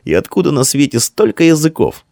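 A man puts on a high, excitable young boy's voice for an audiobook. The boy is bossy and loud, calling out and giving orders to his friends. The delivery swings widely in pitch. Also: brisk, vocal fry, no room sound, clean studio sound. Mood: eager. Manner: excited shouting, commanding. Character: eager village boy, quick and bold.

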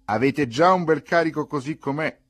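A man's voice: fairly high pitch, normal speed, dry recording, voice pushed up, lightly acted. A man voicing a wry onlooker who offers mocking, polite advice in an audiobook reading.

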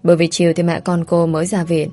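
A woman narrating a family drama in a calm, even storytelling manner. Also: fairly low pitch, fast. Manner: calm, even storytelling, voicing the characters' quotes lightly. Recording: soft music behind the voice.

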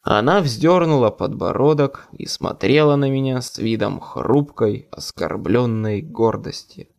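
Slow gravelly male audiobook narrator. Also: mid-range voice, expressive, a little mellow. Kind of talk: first-person audiobook narration.

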